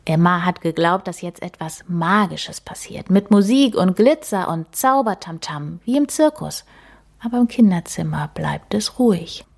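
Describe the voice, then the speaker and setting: A woman reading a children's storybook aloud in a gentle, expressive, half-whispered way. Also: lowish voice, normal speed, vocal fry.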